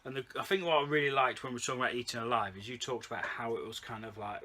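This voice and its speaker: A man's voice: mid-range voice, fairly even intonation, rapid-fire, pushed and bright. A man co-hosting a movie vlog, chatting casually about a convention haul in a rambling, chatty way. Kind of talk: casual chat.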